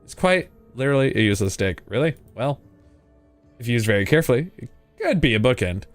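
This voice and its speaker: A man's voice: mid-range voice, sing-song, fairly quick, dry recording, soft background music. A man giving a casual, playful game playthrough, reading text aloud and muttering asides to himself. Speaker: gaming video host.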